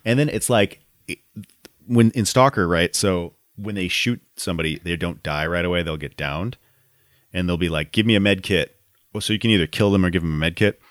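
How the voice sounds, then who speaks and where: A man's voice: sits low, a little fast, no echo, studio quality. A man co-hosting a podcast, telling game stories with enthusiasm and lots of "like.". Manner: enthusiastic storytelling, filler "like" throughout. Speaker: podcast co-host. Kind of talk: casual gaming chat.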